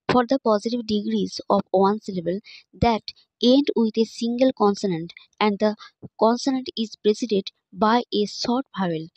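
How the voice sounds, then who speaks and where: A woman teaching English grammar, slowly reciting rules and word lists. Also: fairly high pitch, a little mellow, no room sound, lo-fi sound. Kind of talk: slow recited grammar lesson, English and Bengali.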